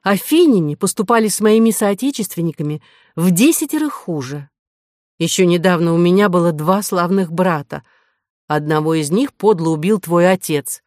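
A woman's voice: fairly low pitch, normal speed, darkish tone, dry recording, studio quality, natural voice. A woman voicing a proud, imperious young princess in an audiobook, speaking in a commanding, indignant, emphatic way. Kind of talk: audiobook character voice.

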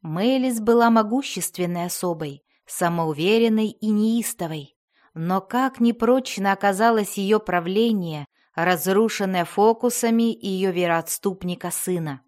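A woman narrating a fantasy audiobook in a steady, measured storytelling voice. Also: medium pitch.

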